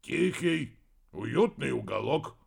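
A man voicing a mild, patient wizard who answers calmly and gently contradicts. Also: medium pitch, slow, exaggerated voice. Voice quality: gravelly, husky.

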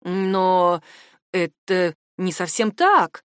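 A woman voicing a calm, persistent male AI assistant who speaks in a measured, soothing way. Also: mid-range voice, dry recording, clean studio sound. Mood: calm, insistent.

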